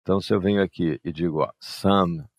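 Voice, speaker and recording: A man's voice: low-pitched, fairly even intonation, brisk, dry recording, studio quality. A man, patiently explaining exercise answers as an English teacher and often adding "né" and "ó". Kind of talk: explaining exercise answers over a screen share.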